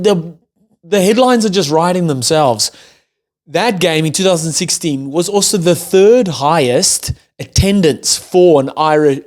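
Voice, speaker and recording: A man's voice: a little high, darkish tone. A young man from South Africa with a South African accent carrying an Australian twang, hosting an enthusiastic, chatty rugby video and hyping up a match to his viewers. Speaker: rugby YouTube host. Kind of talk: casual hyped-up commentary to camera.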